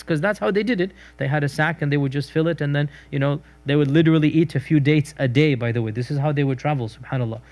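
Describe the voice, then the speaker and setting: Man giving a storytelling history lecture. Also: a little mellow. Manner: storytelling, acts out quoted speech with raised pitch; conversational with fillers and restarts. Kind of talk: recorded Islamic history lecture.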